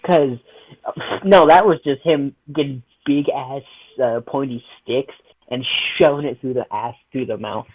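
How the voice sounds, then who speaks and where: A man co-hosting a casual chat with friends, joking loudly and laughing often. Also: mid-range voice, measured pace, no room sound. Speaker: podcast co-host. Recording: dull lo-fi voice chat.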